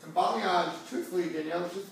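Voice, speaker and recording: Sitting in an indoor hair salon's seating area, a middle-aged hair stylist hosts a conversational, educational talk show, pressing his points on viewers by repeating phrases emphatically. He speaks quickly in a high voice with vocal fry and fairly even intonation. The far camera mic gives an echoey sound with background hiss.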